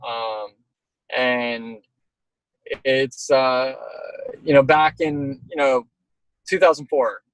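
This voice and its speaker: A man's voice: mid-range voice, fairly even intonation, extremely slow, pauses often, clear, resonant tone, no room sound, low-quality recording. A middle-aged man speaking as an interviewed storm chaser, casual and reflective, talking in rambling stop-start phrases.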